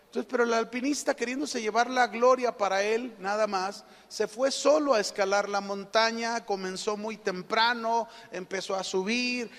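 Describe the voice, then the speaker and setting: High-voiced Mexican pastor preaching. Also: male voice, moderate pace. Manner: animated storytelling, asks the congregation questions. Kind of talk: sermon. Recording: echoey hall reverb.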